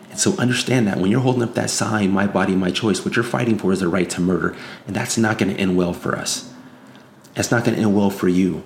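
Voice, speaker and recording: A man delivering an unscripted opinion monologue as a commentator, earnest, insistent and moralizing, warning of threats and repeating phrases for emphasis. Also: low voice. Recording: echoey room, faint background noise.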